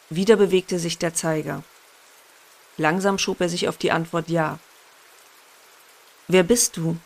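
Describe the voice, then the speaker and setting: A woman narrating a first-person horror story in a measured, suspenseful way. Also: lowish voice.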